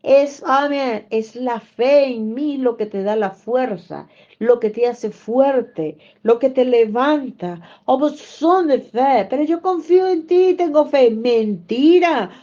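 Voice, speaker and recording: Woman preacher, fervent prophetic prayer, speaks in tongues; slow, dark-toned, muffled lo-fi audio. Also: on the high side, animated. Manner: fervent, repetitive, slips into tongues and speaks as God. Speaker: preacher leading a fast. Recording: dull lo-fi sound.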